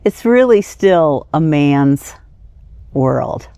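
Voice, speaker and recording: A woman's voice: deep voice, lively intonation, very slow, vocal fry, mellow, smooth, dry recording. A woman in her sixties, plain-spoken and folksy, chatting casually as an interview guest. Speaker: auctioneer being interviewed.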